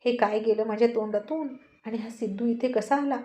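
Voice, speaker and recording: A woman's voice: fairly high pitch, brisk, dark tone, close to an everyday voice. A woman voicing a brusque, teasing young man who speaks in a curt, bossy way in a spoken story. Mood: anxious.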